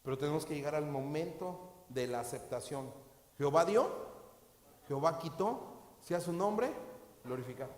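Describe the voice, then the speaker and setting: A man's voice: a little high, a little mellow. A man with a Mexican accent, a pastor preaching a sermon with repetition and direct questions to the listeners. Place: church hall. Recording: echoey hall with faint music.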